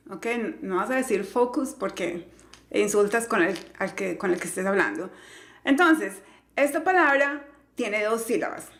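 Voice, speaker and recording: A woman who teaches English pronunciation, explaining slowly and carefully and repeating each example word. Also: mid-range voice, echoey room. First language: Spanish.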